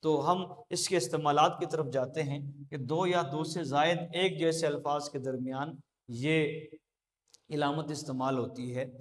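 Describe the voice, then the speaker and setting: Man teaching at a board, echoing hall. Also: a little high. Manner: explains with many pauses and fillers. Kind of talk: classroom lecture at a board. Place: classroom with a board. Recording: long hall reverb.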